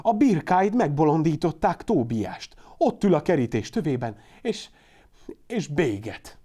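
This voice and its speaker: A man voicing an excitable old shepherd who calls and exclaims loudly in a raised voice. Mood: urgent. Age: older. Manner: loud, high-pitched calling and exclaiming.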